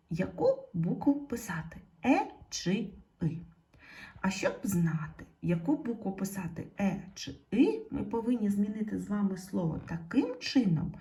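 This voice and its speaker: A woman's voice: mid-range voice, vocal fry, dark tone. A woman teaching a video lesson to young pupils in a patient, encouraging way, speaking. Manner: slow, patient, addressing pupils directly. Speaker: primary school teacher.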